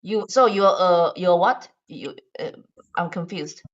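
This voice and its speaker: A medical device regulatory consultant from China, a native Chinese speaker with a Chinese accent, chats casually in halting English for language practice, often repeating words. Her voice is lowish, and the online call audio is dull and lo-fi.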